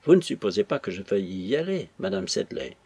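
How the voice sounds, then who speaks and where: Guy voicing a loud mocking old dad, raspy, bouncy pitch, audiobook. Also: big pitch swings, a little fast, no room sound, exaggerated voice. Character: older jovial mocking father, a merchant.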